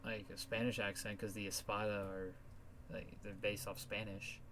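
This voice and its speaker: A man's voice: on the low side, level tone, moderate pace, sharp tone, slight background noise. A man hosting a casual podcast chat, laid-back and hesitant, with many fillers. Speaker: podcast host.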